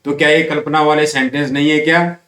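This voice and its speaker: A man's voice: a little high, little pitch movement, fairly bright tone. Hindi-speaking male teacher, echoey room. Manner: explains slowly, asks and answers his own questions; stretches out English example sentences word by word. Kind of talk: grammar lesson for school students.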